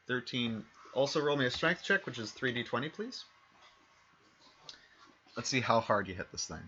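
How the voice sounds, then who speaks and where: A man's voice: mid-range voice, expressive, measured pace, pauses often, sharp tone, slightly rough. A man narrating as game master, rambling and correcting himself as he goes. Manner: rambling, self-correcting, fillers and restarts. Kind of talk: narrating a tabletop game over stream. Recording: dull lo-fi stream mic.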